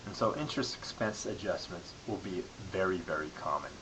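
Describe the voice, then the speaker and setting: Male lecturer, lowish voice, explanatory delivery with repeated phrases, hissy recording. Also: expressive, a little fast. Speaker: accounting lecturer. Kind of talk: classroom-style lecture. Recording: clearly audible background hiss.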